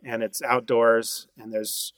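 Man, podcast guest, dry close sound, unhurried anecdote with fillers. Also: medium pitch, flat delivery, fairly bright tone, dry recording. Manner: unhurried storytelling with many uh fillers. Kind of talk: casual anecdote telling.

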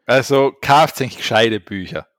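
A man's voice: medium pitch, measured pace, a bit bright, dry recording, studio quality. Man on a clipping, distorted mic. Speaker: podcast co-host. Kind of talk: casual chat.

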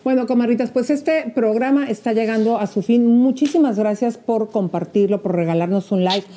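Mellow-voiced woman co-hosting gossip. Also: a little high, moderate pace. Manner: affectionate, chatty. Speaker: co-host of a gossip show. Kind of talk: casual chat.

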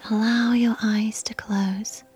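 A woman whispering a slow, soothing guided sleep meditation. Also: on the high side, level tone, husky. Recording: soft music behind.

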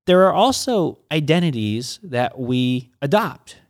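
This middle-aged man, a pastor, teaches in a casual conversational way, his thoughts broken by many stammers and restarts. The voice is fairly high and sing-song, in a dry, studio-quality recording.

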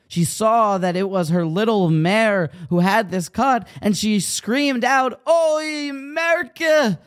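A man tells a religious parable in an earnest, measured voice. He pauses for effect between phrases. His voice sits slightly high for a man. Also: a little mellow. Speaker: storyteller. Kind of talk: storytelling a parable.

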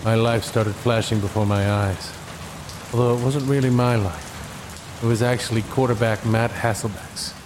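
A man playing a dim-witted private detective who narrates his misadventures deadpan, in a comedy audio drama. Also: medium pitch, moderate pace, background noise, natural voice. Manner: deadpan, matter-of-fact. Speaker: narrator and lead character. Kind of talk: scripted comedic noir narration.

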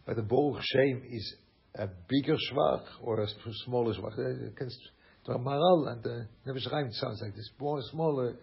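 A man's voice: mid-range voice, normal speed, creaky, lo-fi sound. A man from Switzerland teaching a Torah class, talking animatedly, repeating phrases and mixing in Yiddish and German words. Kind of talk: Torah lecture.

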